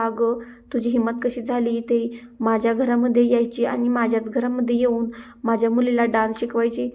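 A woman voicing a domineering wealthy grandmother who scolds and accuses, in a slightly high, flat voice. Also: close to an everyday voice. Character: haughty, furious wealthy grandmother, domineering matriarch.

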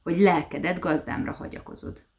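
A woman's voice: lowish voice, steady tone, gravelly. A woman voicing a sly, mocking male devil who hurls friendly insults in a storybook tale. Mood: taunting. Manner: taunting, name-calling, loud outbursts.

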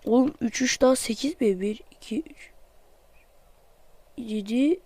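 A man giving excited let's-play commentary, joking and talking to himself as he plays. His voice sounds off because he is sick. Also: extremely high pitch, unhurried, dry recording. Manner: playful, excitable, jokey, talks to himself while playing; self-mocking. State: voice off from being sick. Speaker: gamer, channel host.

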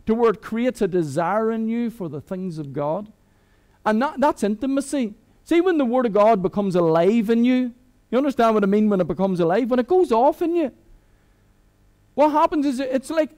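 A high-voiced Irish man in middle age preaching a sermon. He talks to the congregation like friends, mixes jokes into the message and restarts his sentences often. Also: mellow. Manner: conversational and humorous, with many restarts. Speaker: guest preacher.

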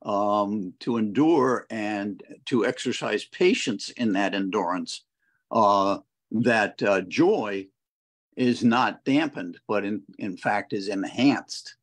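A man with an expressive voice on the low side co-hosts a Bible study by video call. He reflects slowly in a conversational way and reads scripture verses aloud.

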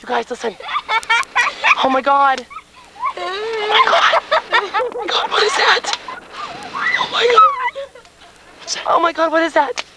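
A woman's voice: extremely high pitch, huge pitch swings, a little slow, long pauses, very noisy. A woman calling out in fright during a staged home video, captured on old camcorder audio outdoors.

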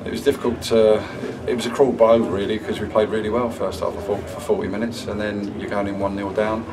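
A middle-aged man, a football manager, answering post-match questions in a measured, subdued way with many pauses. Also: on the low side, little pitch movement, far from the mic, over music, rough recording. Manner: measured, subdued, halting with fillers. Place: indoor club room, sponsor wall.

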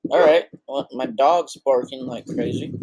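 A teenage boy with a voice that is breaking, casually commentating his own gameplay with excitable, blurting reactions. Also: mid-range voice, measured pace. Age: teens. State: voice cracking. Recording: noisy, with mouse clicks.

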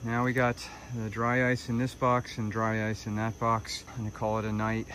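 A beekeeper vlogger talks casually to camera while tending hives on a backyard deck, plain and matter-of-fact. His voice is lowish and monotone, fairly bright, at a normal speed. Recorded outdoors on a phone held or nearby, the audio is rough with slight background noise and bees buzzing all around.

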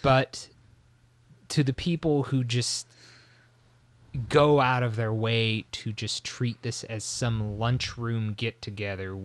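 A man hosting a casual podcast chat, animated and rambling, often restarting his sentences. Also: medium pitch, slow, no room sound. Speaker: host.

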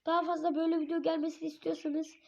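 A hoarse woman giving live gameplay commentary, swearing and yelling at the referee in frustration. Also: very high-pitched, flat delivery, racing. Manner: shouts at the referee, curses and rants in frustration. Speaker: gamer. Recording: dull lo-fi recording.

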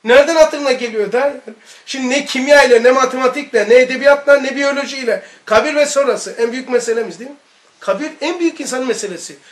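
A man teaching an informal religious lesson, animated, asking his listeners rhetorical questions and barking mock military commands as examples. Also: extremely high pitch, fast. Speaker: religious study-circle teacher.

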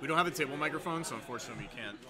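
A man commentating a live card game match in a relaxed, analytical way, filling pauses with quick agreements. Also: mid-range voice. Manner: relaxed and analytical, many "yeah" and "yep". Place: game store with crowd behind. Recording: crowd chatter in background.

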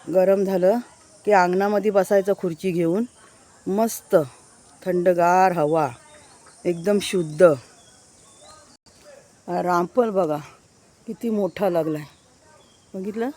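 A woman's voice: on the low side, fairly even intonation, slow, pauses often, warm tone. A married woman vlogging outdoors among village gardens, chatting to viewers as she films on her phone and keeps pointing things out. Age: adult, married. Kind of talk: casual walking tour vlog.

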